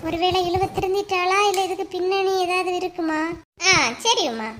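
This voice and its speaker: A woman with a Kanyakumari Tamil accent who voices every character in a cartoon story, in lively village banter full of teasing asides. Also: extremely high pitch, moderate pace, slight background noise.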